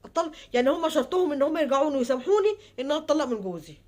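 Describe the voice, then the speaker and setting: This Egyptian woman talks quickly in a high voice. She pleads and repeats herself, and her words sometimes fade into quiet murmurs. It sounds like a personal vlog that moves into advice. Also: expressive. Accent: Egyptian Arabic. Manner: pleading, repetitive, trailing off into soft murmurs. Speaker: advice vlogger. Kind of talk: heartfelt personal monologue and advice.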